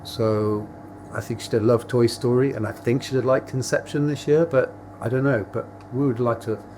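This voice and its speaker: A man's voice: mid-range voice, fairly even intonation, moderate pace, a little mellow, slight background noise, natural voice. A man playing a friendly cinema worker in a mock-documentary interview, rambling and wistful. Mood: wistful, hopeful. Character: friendly cinema worker recalling a missing regular customer.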